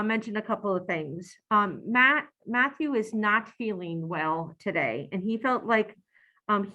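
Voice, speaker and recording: A woman chairs a board meeting over a computer mic on a video call. Her voice sits in a middle pitch. She stops and restarts often, filling the gaps with ums. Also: sharp tone, rough recording. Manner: halting, with many ums and self-corrections.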